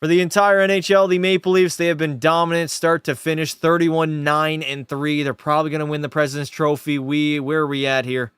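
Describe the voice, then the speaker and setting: This young Canadian streamer swears casually and answers chat during a live hockey game stream. He talks briskly with few pauses in a slightly high, level voice that sounds clean and fairly bright, on a dry recording.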